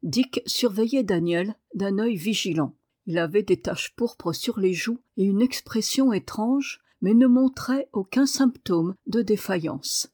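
A woman narrates a novel aloud, expressive and measured. Her voice sits at a middle pitch for a woman. The recording is close and dry, with no room echo. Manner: expressive reading. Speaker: audiobook narrator. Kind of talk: scripted narration.

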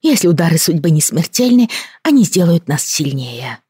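A reader voicing a defiant, sharp-tongued young woman under a governor's guardianship. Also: mid-range voice, sing-song, moderate pace, husky, no echo, studio quality. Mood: quietly resolute.

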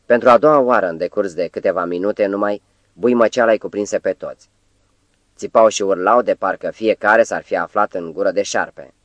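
A man reading a novel aloud as an audiobook narrator, in a steady, measured storytelling manner. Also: lowish voice, dry recording. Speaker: audiobook reader. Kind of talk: scripted literary narration.

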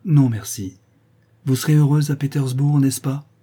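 A man's voice: medium pitch, steady tone, moderate pace, warm tone, slightly rough, lightly acted. A man voicing a nervous, hesitant prince in a read-aloud novel, speaking in a subdued way. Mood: anxious. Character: anxious nervous male prince, middle-aged suitor.

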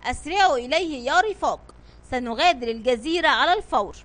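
A woman's voice: sits high, lively intonation, a little fast, fairly bright tone. A woman voicing a brave male sailor captain, leading his men with commanding calls. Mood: rallying.

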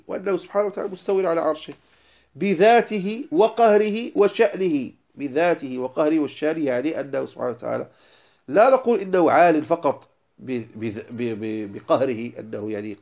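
A man teaching as a religious lecturer, explaining lines of a poem and stressing key words before dropping into quiet asides. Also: medium pitch. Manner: emphatic, stresses single words then drops to quiet asides.

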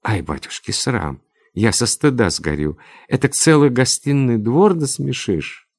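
A man's voice: mid-range voice, lively intonation, measured pace, breathy edge, no echo, studio quality, pitched above the performer's own voice. A man reading aloud, voicing an affected, fussy middle-aged woman in a storybook tale with simpering speech. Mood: flustered.

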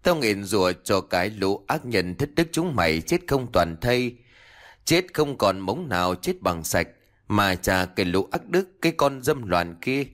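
A man's voice: lowish voice, animated, a little slow. A man voicing a desperate, wronged young village wife who wails and pleads in a ghost story. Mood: cursing. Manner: wailing, pleading.

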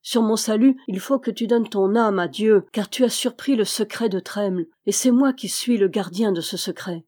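A woman's voice: medium pitch, normal speed, few pauses, mellow, natural voice. A woman reading the lines of a loyal, burly male squire in a storybook, her delivery raised and urgent.

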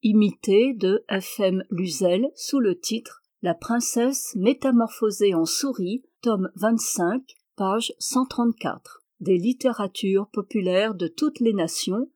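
A woman reading a fairy tale aloud in a measured storytelling manner. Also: mid-range voice, mellow. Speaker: audiobook reader. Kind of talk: scripted narration of a fairy tale.

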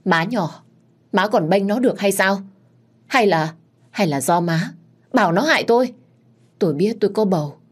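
A woman voicing a spoiled, dramatic pregnant young wife who makes shrill, sobbing accusations. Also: expressive, normal speed, long pauses, breathy edge. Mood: accusing.

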